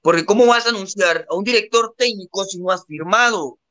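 A man's voice: high voice, brisk, bright, forceful tone. A young Guatemalan man with a Guatemalan Spanish accent, giving firm opinions in a casual sports chat. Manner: opinionated, emphatic, uses "vos". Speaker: podcast co-host.

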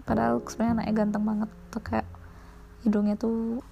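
Chatty young woman, mellow tone. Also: on the high side, completely flat delivery, brisk, creaky, slight background noise. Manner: chatty, lots of fillers, mimics others in quotes. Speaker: former daycare worker. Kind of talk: casual storytelling chat.

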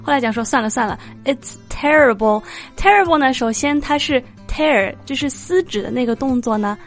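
A slightly high-voiced woman leads a bilingual lesson, explaining terms step by step with bright energy. Gentle guitar music runs behind her. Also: moderate pace. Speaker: English teacher host.

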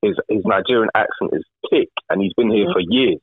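A man on a podcast, talking in a halting way, repeating words as he thinks. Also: fairly low pitch, husky, dry recording. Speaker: podcast co-host. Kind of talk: casual chat. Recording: tinny phone-like remote call.

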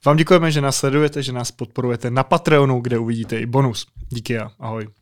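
A man hosting a podcast, closing the interview briskly and thanking the guest. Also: mid-range voice, steady tone. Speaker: podcast host. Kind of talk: wrapping up an interview.

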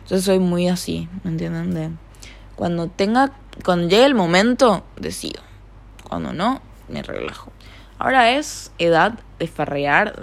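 A young woman with a Rioplatense Spanish accent, hosting a casual solo podcast. She talks chattily, drops in English words and trails off softly at the end of thoughts. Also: fairly low pitch, creaky. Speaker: podcast host.

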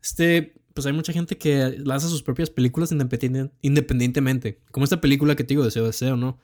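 A man's voice: medium pitch, steady tone, fast, darkish tone. A young man with a Mexican accent, chatting casually about films with plenty of slang and swearing. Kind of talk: casual film chat.

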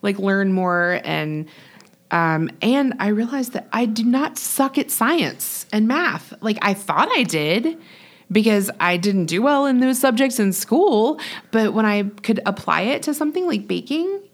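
Chatty, animated woman pastry chef. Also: mid-range voice, a little slow. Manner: chatty, profane, laughs often. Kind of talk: casual podcast chat.

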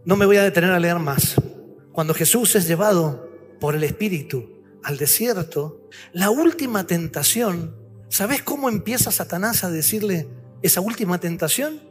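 Guy preaching, high voice, big echoey hall, soft music behind, pushes hard then goes quiet. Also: lively intonation, moderate pace. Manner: emphatic, rhetorical questions, swings from loud to hushed. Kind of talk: sermon.

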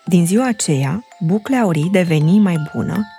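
A woman narrating a children's fairy tale with a lively, expressive reading. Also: fairly low pitch, faint music behind. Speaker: storyteller.

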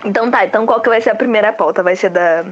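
A young Brazilian woman with a raspy, phlegmy smoker's voice, bantering casually as a podcast host. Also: mid-range voice, very fast, dull audio, faint music behind.

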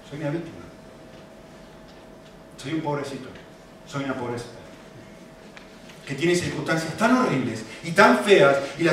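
A man preaching a sermon, animated and full of rhetorical questions. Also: high-pitched, a little hiss or hum. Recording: echoey hall from a distance.

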